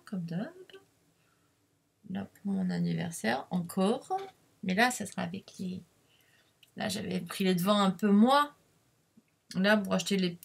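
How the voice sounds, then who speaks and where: A woman's voice: mid-range voice, creaky. A middle-aged woman with a French accent chatting casually through a crafting tutorial, jokey and self-deprecating, dropping "hein" and fillers as she works. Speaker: craft video host. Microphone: webcam mic at the desk.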